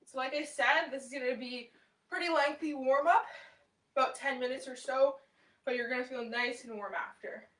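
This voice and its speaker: Counting reps and cheering on her class as she moves, a young female fitness instructor cues a workout from a small room at home. Her voice is high, steady, and a bit bright at a moderate pace, and the distant camera mic adds a roomy echo.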